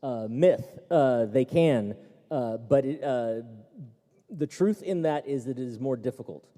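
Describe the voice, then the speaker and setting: At a seminar, a man on a tech expert panel fields questions casually, with frequent fillers and restarts. He has a mellow, mid-range voice and an unhurried pace, and the hall is echoey.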